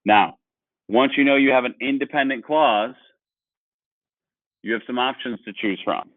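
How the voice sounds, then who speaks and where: A man's voice: mid-range voice, normal speed, dry recording. A male teacher leading an online grammar lesson, explaining patiently and asking the class questions. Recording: dry, phone-like sound.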